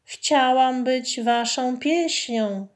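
A woman voicing a gentle young mermaid who pleads softly and slowly in a storybook tale. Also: high-pitched, pitched above the performer's own voice. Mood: pleading.

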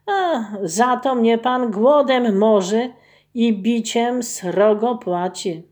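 A woman voicing a patient, mistreated male workhorse in a folk tale, speaking slowly and wearily. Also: a little high, a little mellow. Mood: weary.

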